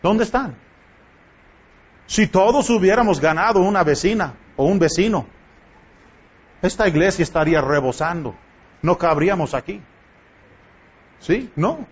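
A man's voice: high voice, animated, measured pace, long pauses, breathy edge. A man preaching a sermon to his congregation in a church, pressing them with impassioned rhetorical questions. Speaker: pastor. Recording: dull lo-fi church recording.

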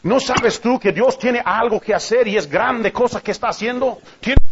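A man preaching a sermon in an animated way, firing off rhetorical questions and chuckling between points. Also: very high voice, normal speed, a little hiss or hum. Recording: dull lo-fi recording.

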